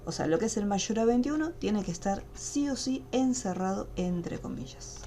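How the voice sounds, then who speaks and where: A woman's voice: medium pitch, lively intonation, moderate pace, dark tone. A woman teaching an online class over a video call, explaining each step patiently. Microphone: computer mic on a video call.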